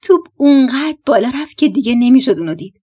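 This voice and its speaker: A woman narrating a bedtime story for children in an animated, playful way. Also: sits high, muffled recording. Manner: animated, playful, breaking into laughter.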